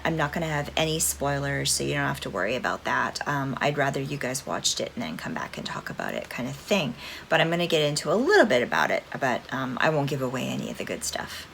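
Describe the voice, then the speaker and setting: Low-voiced woman chatting over fan noise. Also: creaky. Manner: chatty, informal, enthusiastic. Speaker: host of a horror film review channel. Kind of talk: casual chat to viewers. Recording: steady fan noise behind the voice. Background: running fan.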